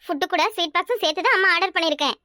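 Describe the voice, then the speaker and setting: A brash, scheming village mother, played by a woman, in a cartoon, scolding and coaxing her daughter in a Kanyakumari Tamil accent. Her voice is pitched very high and sounds sharp and bright. It is recorded close and dry. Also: racing, no room sound. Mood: bossy. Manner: loud, scolding yet doting.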